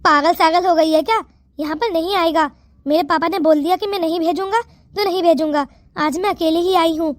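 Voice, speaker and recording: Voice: extremely high pitch, steady tone, a little fast, dry recording, clean studio sound. A voice artist playing a headstrong, boastful rich young woman in a cartoon story. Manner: defiant, boastful.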